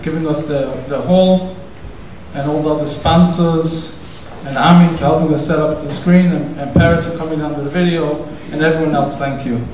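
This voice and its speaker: A man with a somewhat high, steady, slightly mellow voice speaks at an ordinary pace as he hosts the evening, offering a loose, rambling introduction and chatting his way through a story. He's the event's organizer, addressing a synagogue hall; the distant mic picks up heavy echo and a faint hiss or hum.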